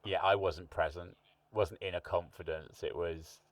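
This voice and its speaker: With a low voice, fairly even intonation, and a measured pace, a middle-aged podcast host talks in a musing, thoughtful way, his sentences long and rambling. It's a reflective interview chat. The recording has a distant mic and dry, echo-free sound.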